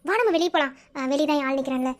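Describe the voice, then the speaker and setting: A squeaky, quick-talking cheeky college girl, voiced by a woman in a cartoon, the flippant best friend. She makes light of everything in a brisk patter. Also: very noisy, natural voice. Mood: joking. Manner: flippant and joking. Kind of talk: Tamil cartoon voice acting.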